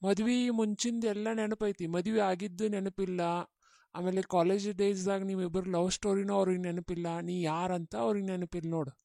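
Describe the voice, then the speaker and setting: A woman's voice: mid-range voice, moderate pace, creaky, no echo, clean studio sound, lightly acted. A woman voicing a firm consoling mother. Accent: North Karnataka Kannada. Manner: coaxing, steady. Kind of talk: cartoon voice acting.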